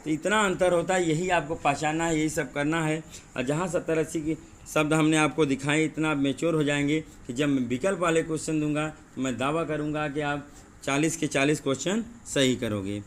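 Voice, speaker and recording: A male teacher with a slightly high voice leads an exam-prep lesson. He explains paired words slowly, repeats them and keeps asking rhetorical questions to his viewers. A faint hum sits under the voice. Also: fairly even intonation. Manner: says 'dekhiye' and 'thik hai' often.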